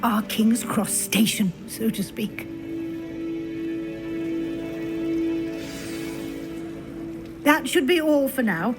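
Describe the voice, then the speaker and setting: A female professor at a wizarding school in a video game, with a fairly high British voice. She is formal and articulate, briskly guiding and encouraging a newcomer. Music plays clearly underneath her. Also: expressive. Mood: formal, informative. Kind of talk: scripted video game dialogue.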